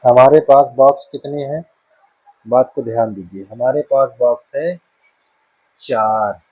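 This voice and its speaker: A man's voice: medium pitch, measured pace, breathy edge. A man teaching a school maths lesson, patiently working through counting problems and often checking that students follow. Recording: dull dry lo-fi room sound.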